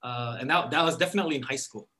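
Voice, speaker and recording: Man, interview guest, earnest, casual slang, mid-pitched. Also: racing, pushed and bright. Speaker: former baseball player, guest.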